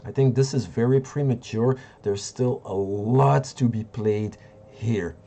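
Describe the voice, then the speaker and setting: Man from Belgium, hosting a live market stream; slow, mellow delivery, halting and full of fillers. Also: mid-range voice, creaky. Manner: rambling, halting, many fillers and restarts. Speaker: livestream host. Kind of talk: live market analysis and chat.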